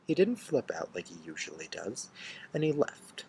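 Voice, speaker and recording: A man telling a bitter story in an angry rant, swearing and swinging from hushed seething to loud outbursts. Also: fairly low pitch, wildly swooping pitch, normal speed, slight background noise. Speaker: storyteller ranting to camera. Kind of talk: angry first-person rant.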